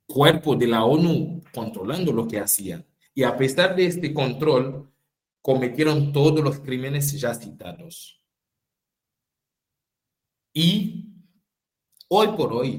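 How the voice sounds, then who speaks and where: A man from Haiti speaks as a political activist, emphatic and repeating phrases for rhetorical weight. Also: mid-range voice. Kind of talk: impassioned political talk.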